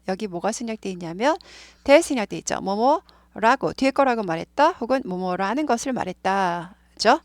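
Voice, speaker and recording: A woman's voice: medium pitch, no room sound. Chatty woman teaching, dry close sound. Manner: chatty, many fillers like "예" and "네"; explains slowly, repeating words. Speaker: English teacher. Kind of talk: casual spoken lesson.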